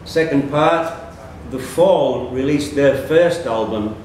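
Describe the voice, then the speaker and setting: A man with a medium-pitched, darkish voice speaks slowly as a pub quiz master, reading questions and ruling on answers live. He's indoors in a pub quiz room. The distant mic picks up a very echoey room and faint noise.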